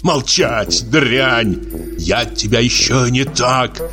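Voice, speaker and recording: A man's voice: medium pitch, animated, slow, music in the background, voice pushed up. Man voicing a raging drunk jealous husband. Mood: furious. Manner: shouting, scolding, ranting. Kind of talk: audiobook character voice.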